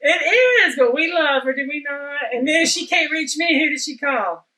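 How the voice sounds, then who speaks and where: Bright high-voiced woman. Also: normal speed, recorded from a distance, poor audio. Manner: animated storyteller, mimics family members. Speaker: talk show host. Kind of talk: casual chat.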